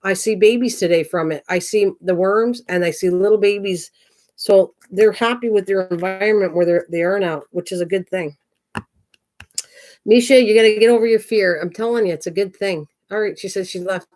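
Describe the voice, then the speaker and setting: A sixty-year-old woman with a mid-range, darkish voice hosts her craft channel's livestream at normal speed. She chats and rambles casually, reading viewer comments and answering people by name.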